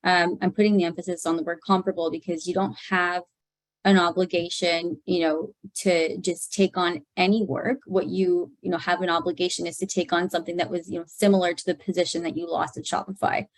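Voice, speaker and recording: Low-voiced Canadian woman lawyer, dry sound. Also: flat delivery, fairly quick, no room sound, rough recording. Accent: Canadian English. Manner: careful, many "you know" and "um" fillers. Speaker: employment lawyer. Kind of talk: explaining legal points in an info session.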